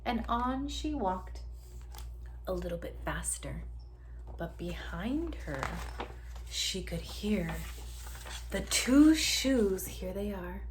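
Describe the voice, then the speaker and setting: This teacher reads a picture book aloud to small children, taking it slowly and pausing often in her medium-pitched voice. Her reading is animated, stretching the sound words and inviting participation, with background noise present.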